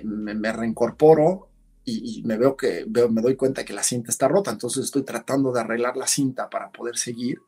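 A man, a podcast guest, telling a story in casual conversation, animated and acting out what others said. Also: medium pitch, breathy edge. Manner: animated storyteller, acts out shouted quotes.

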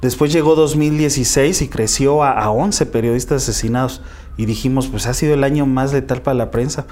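A man's voice: medium pitch, brisk, darkish tone. A man, a lawyer, explaining figures step by step in an interview. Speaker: lawyer interviewed for a press freedom group.

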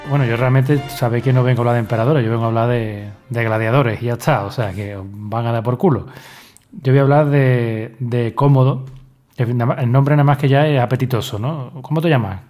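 A man from presents a history segment on a podcast. He talks in a joking, informal and chatty way, with a voice that sits in a middle pitch. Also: steady tone, fairly quick, darkish tone, faint music behind. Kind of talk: casual comedic chat.

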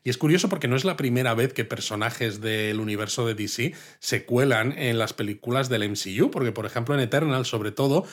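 A man's voice: mid-range voice, brisk, hardly any pauses. A man, co-hosting a casual film review chat and adding details and references with enthusiasm. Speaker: podcast co-host.

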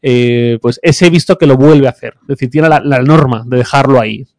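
A man's voice: mid-range voice, brisk, a little mellow, no echo, clean studio sound. A man chatting casually on a podcast, hesitant with many fillers.

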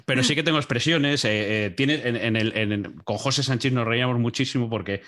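A man with a light Asturian accent hosting an interview, asking questions in a measured, radio-trained way. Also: mid-range voice, fairly bright tone, slight background noise. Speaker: podcast host. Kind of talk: casual interview chat.

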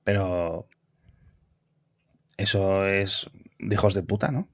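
A man with a Spanish accent, a podcast guest who jokes in a dry, deadpan way. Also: deep voice, takes it slowly, dry recording. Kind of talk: casual podcast chat.

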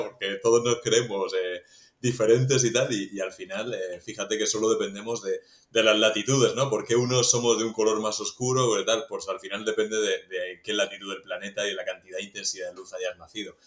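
A man's voice: fairly low pitch, steady tone, a little fast. A middle-aged man hosting a podcast interview, asking chatty, winding questions in a casual tone. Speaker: podcast host. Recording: echoey room.

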